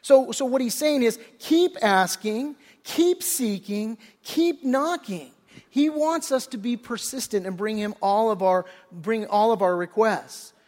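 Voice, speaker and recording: A man's voice: sits high, lively intonation, unhurried, a little mellow. An older man preaching a conversational sermon as pastor, folksy and full of restarts, often acting out the characters' lines. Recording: long reverb of a large hall.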